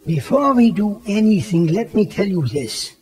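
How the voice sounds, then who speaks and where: A man playing a grave, authoritative elderly professor who hunts vampires, speaking deliberately and theatrically in an audio drama. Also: sits high, very animated, darkish tone. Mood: grim, solemn. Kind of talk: dramatized audio play acting. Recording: 1979 cassette audio drama, background bustle.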